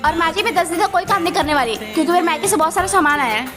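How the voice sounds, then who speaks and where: A woman's voice: very high-pitched, expressive, very fast, music in the background. A woman playing a bragging young daughter-in-law. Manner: bossy, bragging. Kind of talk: amateur family comedy skit.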